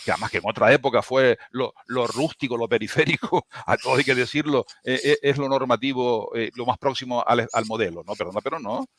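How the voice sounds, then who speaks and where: An impassioned man with a Canarian Spanish accent, speaking as a professor in a video-call panel discussion. He argues emphatically, restarting his phrases and tagging them with quick questions, at a middling pitch. The sound is dry, with no room echo. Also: fairly even intonation, a bit bright. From Canary Islands, Tenerife. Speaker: linguistics professor.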